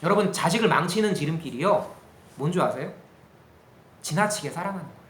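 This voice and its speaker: A man's voice: fairly high pitch, quick pace, reverberant, a little hiss or hum. A man preaching a sermon to a youth group as their pastor, asking the listeners questions and acting out quotes. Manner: animated, asks the group questions, acts out quotes.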